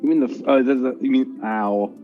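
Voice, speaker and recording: A man's voice: mid-range voice, fairly quick, phone-quality sound, soft background music. A man playing a tabletop game, rambling casually with lots of filler words. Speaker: player.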